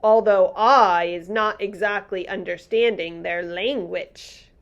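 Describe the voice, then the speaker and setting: Friendly old male giant put on by a woman, earnest, tangled grammar, storybook, unhurried. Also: mid-range voice, steady tone, lo-fi sound. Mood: marvelling. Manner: muddled grammar, earnest and proud.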